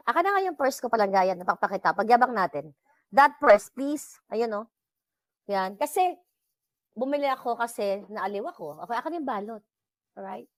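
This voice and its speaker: A woman livestream host with a Filipino accent chats casually with viewers, switching between Tagalog and English and laughing a lot. Her voice is fairly bright and on the high side, with no echo in the recording.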